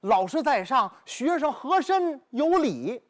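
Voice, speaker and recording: A man voicing an eager, deferential Qing courtier in traditional storytelling, calling out loud, ceremonious salutations. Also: extremely high pitch, big pitch swings, slow pace, heavily acted. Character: eager, deferential male Qing courtier greeting his teacher.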